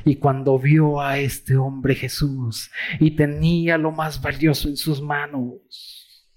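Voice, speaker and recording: A man preaching a sermon as pastor, reading scripture slowly and rising to raised, emphatic cries. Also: on the high side, level tone.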